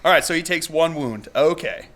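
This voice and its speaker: A man hosting a tabletop wargame battle report, giving casual play-by-play of dice rolls. He gets excitable, laughing often and bursting into whoops. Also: fairly high pitch, normal speed, a crowd in the background. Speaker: host and player.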